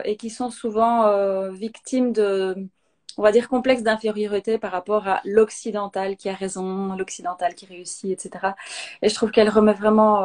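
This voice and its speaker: A woman's voice: medium pitch, mellow. A woman in her thirties, a guest on a live video interview, talking spontaneously with many hesitations and restarts.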